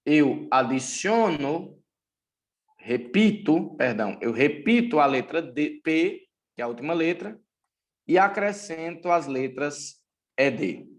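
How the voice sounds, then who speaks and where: A man from Brazil teaching English grammar in a recorded lesson, speaking deliberately and repeating key points. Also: on the high side, lively intonation.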